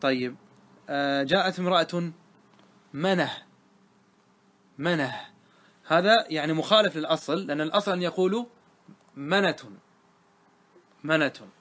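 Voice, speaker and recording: A man's voice: a little high, normal speed, pauses often, a bit bright. A man teaching grammar in a classroom lesson, quizzing his students again and again. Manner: quizzing students with repeated questions.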